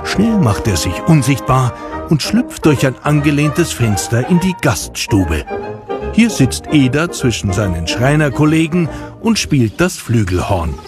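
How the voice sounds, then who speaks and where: A man's voice: mid-range voice, sing-song, a little slow. A man narrating a scripted children's story as the narrator. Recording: music behind the voice.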